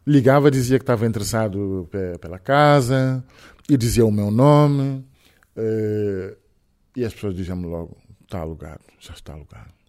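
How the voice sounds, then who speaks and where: As a guest in an interview conversation, a middle-aged man from Senegal responds thoughtfully and deliberately, pausing often to hesitate. He speaks with a French-tinged Senegalese accent in a lowish, slightly mellow voice.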